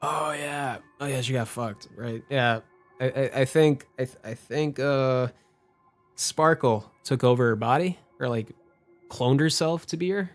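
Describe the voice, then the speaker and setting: Over game music, a livestreamer gives casual commentary on his gaming, informal and quick to swear. His voice is medium-pitched and unhurried.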